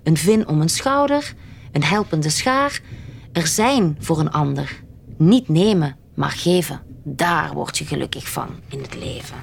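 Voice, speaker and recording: A woman's voice: low voice, lively intonation, a little slow, vocal fry, a little hiss or hum, voice pushed down, exaggerated voice. Woman putting on a tiny brave girl crab. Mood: gentle. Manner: urgent, cries out warnings.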